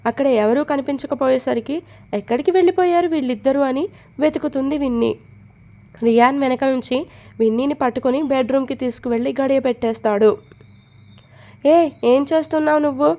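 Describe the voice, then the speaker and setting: A woman narrating a love story in a steady, plain storytelling manner. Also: high-pitched, fast.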